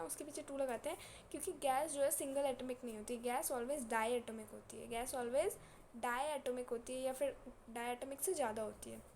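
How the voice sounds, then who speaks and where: A woman's voice: sits high, creaky, a little mellow, a little hiss or hum. A woman science teacher lecturing in a casual, teasing and scolding way, repeating her points and mixing in terms. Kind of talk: classroom lecture.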